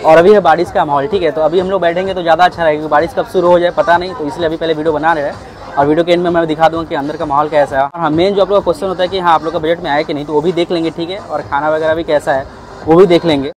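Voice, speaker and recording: A man's voice: fairly high pitch, fairly even intonation, racing, a faint crowd, rough recording. A young Indian man hosting a casual food vlog on an outdoor rooftop through a clip-on lapel mic, saying "theek hai" after nearly every sentence. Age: young adult. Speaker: food vlogger.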